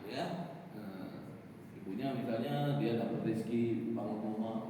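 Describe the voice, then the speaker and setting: A man's voice: fairly low pitch, measured pace. A man giving an evening sermon in a mosque, joking and acting out little dialogues between neighbors. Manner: lively, joking, acts out dialogue. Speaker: preacher. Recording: echoey mosque hall from far off.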